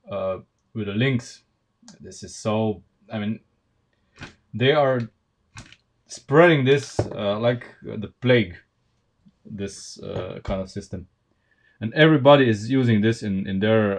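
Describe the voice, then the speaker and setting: A man from Slovenia with a Slovenian accent, chatting casually on a live stream while building Lego, thinking aloud with lots of fillers and restarts. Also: on the low side.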